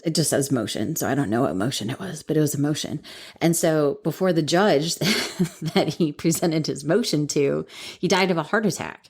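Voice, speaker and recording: Low-voiced female co-host, giggly, rambling storyteller. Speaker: podcast co-host. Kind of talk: casual chat.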